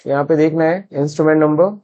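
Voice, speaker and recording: Indian-accented male tutor, fairly high voice, dull lo-fi screen recording, quizzes the class and answers himself. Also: fast talker, dark tone. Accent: Indian English. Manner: mixes Hindi and English, asks and answers his own questions. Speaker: accounting software teacher.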